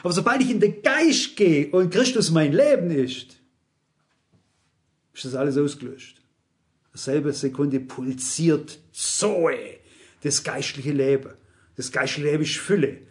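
Emphatic high-voiced male preacher. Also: lively intonation, measured pace. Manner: frank, emphatic, addresses the audience directly. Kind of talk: sermon.

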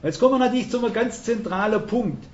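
High-voiced older preacher, roomy hall. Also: male voice, animated, fast talker, darkish tone, slight background noise. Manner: earnest storytelling with emphatic rises. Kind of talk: sermon. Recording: roomy, dull hall recording.

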